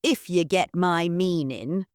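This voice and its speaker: A woman's voice: lowish voice, slow pace, darkish tone, no room sound, clean studio sound. A woman voicing a blunt, suspicious working-class housemaid who grumbles in broad dialect.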